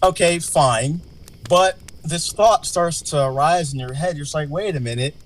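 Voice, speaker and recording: A man's voice: a little high, moderate pace, a little hiss or hum, poor audio. A man co-hosting a casual podcast, talking emphatically and swearing a lot. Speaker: podcast co-host.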